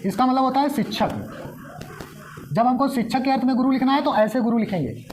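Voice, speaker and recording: A Hindi teacher explains a lesson at a whiteboard, repeatedly putting questions to the class and then answering them herself. Her voice is high-pitched, brisk and a little mellow. A little hiss or hum is audible.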